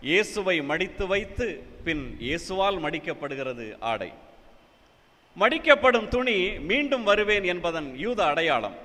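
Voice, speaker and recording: At a poetry event in a church hall, a man recites poetry dramatically, in emphatic, declamatory bursts. His voice is high-pitched, bright, and forceful.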